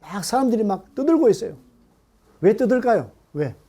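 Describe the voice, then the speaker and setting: A middle-aged man preaching a sermon to a congregation in an animated way, often asking them questions. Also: high-pitched, moderate pace. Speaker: pastor. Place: church hall.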